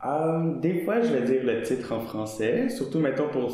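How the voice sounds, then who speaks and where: Young Québécois man, casual guest, halting and filler-heavy, recorded in a very reverberant room. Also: medium pitch, lively intonation, warm tone. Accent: Québécois French. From Montreal, Quebec. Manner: hesitant, filler-heavy, laughs easily. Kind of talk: casual conversation. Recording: very echoey room.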